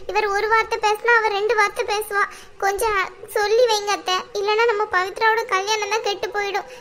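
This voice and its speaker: A woman's voice: very high-pitched, noisy background. Poomari, anxious young cartoon wife voiced by a woman. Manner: anxious, pleading. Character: worried young wife, tearful and pleading. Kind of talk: cartoon voice acting.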